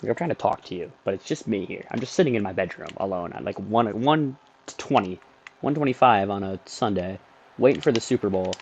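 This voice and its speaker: A young man casually commentating his football video game from his bedroom, rambling between plays and getting excited over big moments, sounding sleepy. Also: on the low side, fairly quick, creaky, a little hiss or hum. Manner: rambling, excitable play-by-play with frequent ums. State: sleepy, yawning. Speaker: gaming streamer.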